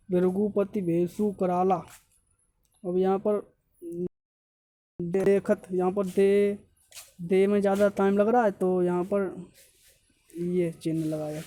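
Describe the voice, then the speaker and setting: A man's voice: sits high, mellow. A male teacher giving an exam-prep grammar lesson, repeating points and correcting himself often as he explains step by step.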